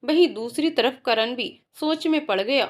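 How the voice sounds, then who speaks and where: A woman narrating a scripted romance story in a steady, even reading manner. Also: high-pitched, moderate pace.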